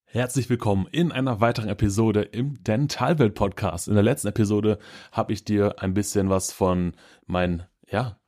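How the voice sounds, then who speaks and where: A German man in his thirties hosts his own podcast from his office, his voice lowish and warm. It's a loose, upbeat solo chat with plenty of fillers.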